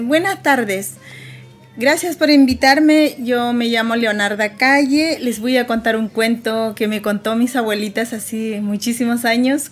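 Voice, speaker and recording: High-voiced woman telling a folk tale. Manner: lively, voices the quoted characters. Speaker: guest storyteller.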